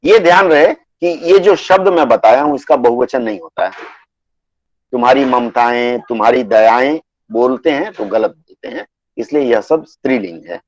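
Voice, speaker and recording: A man teaching a Hindi grammar class online, patiently repeating rules and dictating word lists slowly. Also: mid-range voice, lively intonation, no echo, poor audio.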